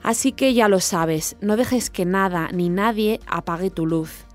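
A woman hosts a podcast in calm, scripted narration with a steady, mid-range voice. Soft music plays faintly behind her. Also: mid-range voice, measured pace. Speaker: podcast host.

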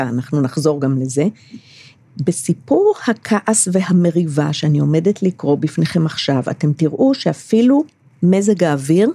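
A woman's voice: sits low, dark tone, no room sound. A middle-aged woman reading a children's book aloud and leading a discussion about it, patient and often checking in with questions. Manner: patient, asks listeners questions.

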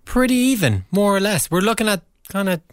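Easygoing co-host, dry studio sound. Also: male voice, high-pitched, sing-song, fairly quick, smooth, no room sound. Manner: easygoing, agreeable banter. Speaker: radio co-host. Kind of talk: casual radio chat.

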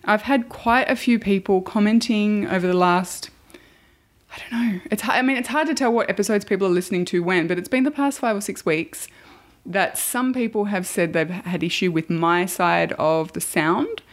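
A woman's voice: mid-range voice, normal speed. An Australian woman hosting a podcast in a casual, chatty style. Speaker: podcast host.

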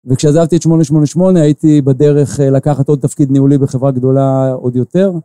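A man in his forties with an Israeli accent, an investor answering interview questions slowly, with many filler pauses. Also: mid-range voice, steady tone, mellow, no room sound. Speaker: investor guest.

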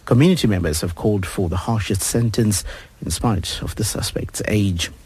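Husky, low male newsreader. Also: a little mellow, no room sound. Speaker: radio news reader. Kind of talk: scripted news bulletin.

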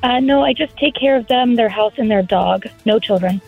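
A woman's voice: on the high side, normal speed, gravelly, loud music behind the voice. A woman phone guest on a radio show, chatting in a friendly, patient, soothing customer service voice. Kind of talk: friendly phone interview chat. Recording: dull lo-fi phone line on radio.

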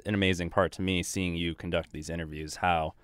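A man's voice: deep voice, steady tone, fairly quick, fairly bright tone, smooth, no room sound, clean studio sound. A young man interviewing, asking long, thoughtful questions in casual chat. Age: young adult. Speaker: co-host interviewer.

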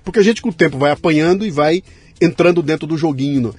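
A man's voice: fairly high pitch, fast talker, slightly rough, dry recording. A man with a Brazilian accent hosting a podcast interview, telling stories and acting out the quotes. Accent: Brazilian Portuguese. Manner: animated storyteller, acts out quotes. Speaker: podcast host. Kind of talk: conversational interview.

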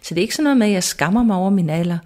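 A woman's voice: mid-range voice, expressive, darkish tone. A woman in her sixties answering an interview question in a hesitant, reflective way. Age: 60s. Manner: hesitant, reflective, many fillers.

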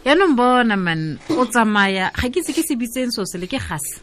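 A woman's voice: fairly high pitch, big pitch swings, a little fast, a bit bright. A woman with a South African Sotho-Tswana accent hosting a conversational radio interview and prompting her guest. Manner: prompts guest with frequent murmured acknowledgements. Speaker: radio host.

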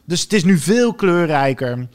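A man's voice: fairly high pitch, big pitch swings, normal speed. A man co-hosting a podcast about TV series, chatting casually and giving opinionated, descriptive reviews. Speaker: podcast co-host.

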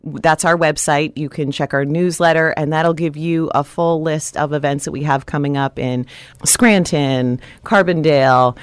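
A woman talking about dental health as a guest on a radio show, in a steady, informative and upbeat way. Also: low voice, normal speed, clean tone, no room sound. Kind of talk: radio interview.

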